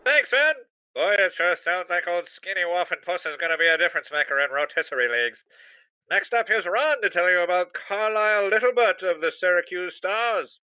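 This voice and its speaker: A man's voice: sits high, animated, a little fast, bright, forceful tone, clean tone, no echo, exaggerated voice, poor audio. A man playing a folksy 1920s radio host on a comedic parody, with a hokey announcer cadence. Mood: jovial.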